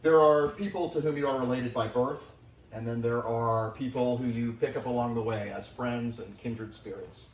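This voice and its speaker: Distant echoey room, middle-aged man, father of the bride speech, mid-pitched voice, affectionate, deliberate pauses. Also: steady tone, lo-fi sound, a little hiss or hum. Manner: sincere, affectionate delivery with deliberate pauses for the guests. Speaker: father of the bride giving a toast. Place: large room at a wedding reception, guests present.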